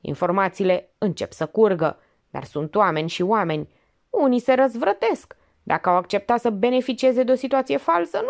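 A woman reading the part of a shrewd, calm female police investigator who explains in a measured way. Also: mid-range voice, lightly acted.

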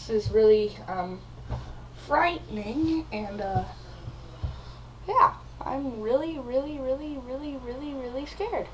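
A woman's voice: high-pitched, slight background noise, poor audio. A woman vlogger hamming it up in a comedy video, acting mock-frightened and repeating her words. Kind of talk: comedic vlog.

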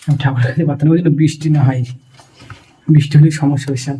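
A man talking softly and nervously while exploring an abandoned building for a vlog. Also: a little high, fairly even intonation, very fast, poor audio. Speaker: vlogger. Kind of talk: casual on-location vlog talk.

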